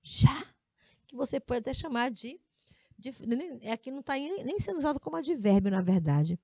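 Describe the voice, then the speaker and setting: A woman's voice: high voice, lively intonation, normal speed, a little mellow, no echo. A woman with a Brazilian accent teaching a grammar lesson, explaining step by step and checking in with frequent tag questions. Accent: Brazilian Portuguese. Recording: dull lo-fi audio.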